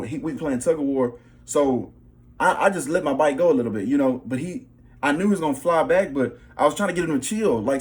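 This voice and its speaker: With a medium-pitched, darkish voice, a young male vlogger tells his spiritual testimony. He's casual and emphatic, keeps checking on his listeners, and says "bro" and "okay" again and again.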